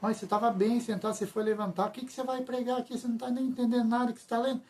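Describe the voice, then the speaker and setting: A man's voice: flat delivery, racing, darkish tone. A man putting on the scornful, mocking voice of a tempting demon that whispers shame at him. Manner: mocking, needling, higher-pitched. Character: taunting male demon voice, scornful.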